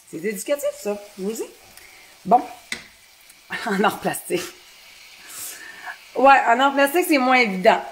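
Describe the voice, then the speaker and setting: The low-quality recording captures a fairly high-pitched woman in her thirties with a Québécois French accent cooking on a livestream from her home kitchen, pan sizzling. She's chatty, talking through viewers' comments as she cooks.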